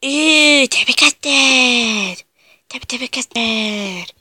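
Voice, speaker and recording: A woman's voice: sits high, slow, sharp tone, no echo. A young woman doing gameplay commentary, jumpy and yelping with laughter when scared. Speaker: gaming video creator.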